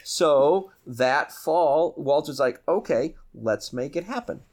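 A man's voice: fairly high pitch, animated, slow pace, darkish tone. A man with a Boston accent telling an anecdote casually as a podcast guest, with teasing asides. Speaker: podcast guest, aerobatic pilot.

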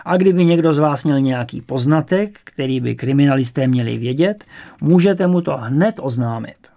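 A man's voice: medium pitch, expressive, vocal fry, mellow. A man voicing a stern middle-aged school principal with a formal, commanding way of speaking, in an audiobook.

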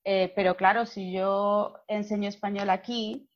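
A woman's voice: medium pitch, flat delivery, unhurried. A woman from Buenos Aires with an Argentine accent, a Spanish teacher chatting at length as an interview guest, with many fillers. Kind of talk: casual interview chat. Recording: dull lo-fi audio.

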